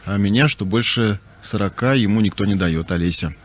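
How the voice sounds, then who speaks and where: A man co-hosting a radio show, reading out listener messages in a brisk, matter-of-fact way. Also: fairly low pitch. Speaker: co-host.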